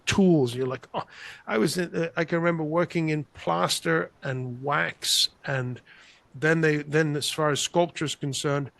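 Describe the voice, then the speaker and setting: An older man from England who grew up in Spain, telling animated, rambling stories as an interview guest over a video call. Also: fairly high pitch, measured pace, vocal fry, no echo. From England, raised in Spain. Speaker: guest artist. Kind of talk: conversational interview storytelling. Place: home room, indoors. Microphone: large podcast mic on a video call, headphones.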